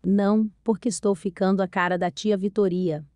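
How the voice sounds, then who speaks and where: A woman's voice: mid-range voice, steady tone, normal speed, warm tone, no echo, natural voice. A woman voicing an unhappy, anxious teenage girl who talks sullenly to her mother. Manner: sullen, pleading.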